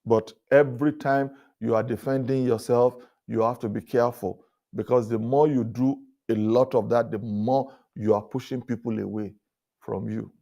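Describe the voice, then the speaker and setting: In a conference hall, a man delivers a sermon-style leadership talk, speaking animatedly and chuckling between points. His gravelly, dark voice keeps a steady tone at normal speed, though his pitch climbs high as he drives points home.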